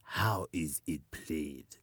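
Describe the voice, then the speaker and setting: A man voicing a hungry, menacing male leopard with a low, quiet growl. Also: drawn-out words, husky, no echo, studio quality, full character voice.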